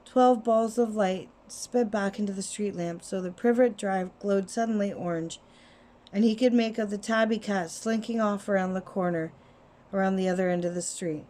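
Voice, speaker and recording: A woman reads a story aloud in a steady, expressive way. Her tone is warm and mellow, at a middle pitch. It is recorded on a cell phone. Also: normal speed. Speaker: reader. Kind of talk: storybook reading.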